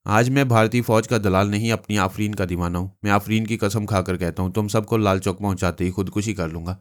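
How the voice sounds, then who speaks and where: This is a desperate, lovesick man full of remorse, voiced by a male audiobook narrator. He pleads in an anguished way, low and smooth. The sound is clean and resonant. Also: steady tone, fairly quick, natural voice. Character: desperate lovesick male drug-addicted informer.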